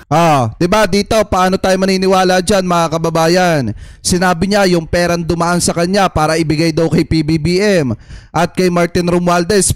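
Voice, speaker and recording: Male vlogger, high-pitched, dry close sound, earnest direct address to viewers. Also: no room sound. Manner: earnest, repeatedly asks viewers for their view. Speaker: political commentary vlogger. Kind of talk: casual commentary addressing viewers.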